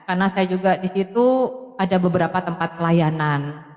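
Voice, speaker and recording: A woman's voice: lowish voice, normal speed, darkish tone, reverberant, in a large hall, lo-fi sound. A woman from Madura, chatting casually on a live stream, laughing often and answering viewers by name. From Madura, Indonesia. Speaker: live-stream host giving testimony.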